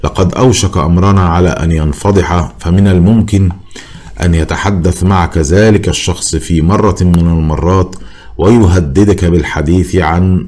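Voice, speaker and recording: A man voicing a frightened, pleading married woman in his own low reading voice, with barely any change. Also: darkish tone. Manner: fearful, pleading.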